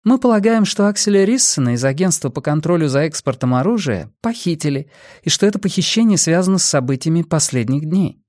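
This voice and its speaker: A hot-tempered young woman agent pushes every line hard, her voice pitched high and swinging widely as her anger climbs toward a shout, as a male narrator puts her on. The audiobook reading is dry and close to the mic, with no room sound around it. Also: animated, brisk, no room sound, natural voice. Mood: urgent. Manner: urgent, heated, close to shouting. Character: fiery young female agent. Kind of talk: audiobook character voice.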